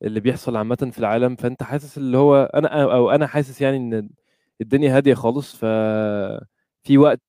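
A man's voice: mid-range voice, quick pace, dark tone, dry recording, clean studio sound. A man with an Egyptian Arabic accent chatting casually as a podcast guest, mixing English words into his Arabic. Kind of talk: casual chat.

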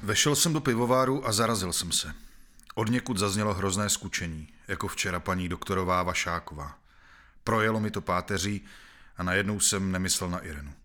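Deep-voiced man reading a grim novel. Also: bright, forceful tone. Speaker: narrator.

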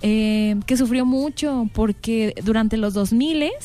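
Mexican woman, mellow tone, casual chat, thinks aloud with fillers. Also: a little high, takes it slowly, soft background music. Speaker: podcast co-host.

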